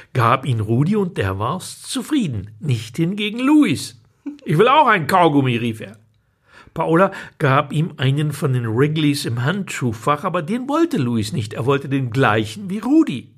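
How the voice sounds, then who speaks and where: A husky man reads his own humorous column aloud with a pitch that rises and falls a lot. His telling is dry and ironic, and he slips into the voices of the people he quotes. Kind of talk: expressive reading of a humorous column.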